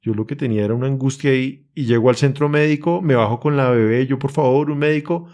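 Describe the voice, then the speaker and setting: A man's voice: medium pitch, fairly even intonation, fast, a little mellow. A young man with a Bogotá accent, telling an emotional personal testimony as a podcast guest in an urgent, earnest way. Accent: Colombian, Bogotá. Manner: earnest, urgent storytelling, reenacts his own pleas.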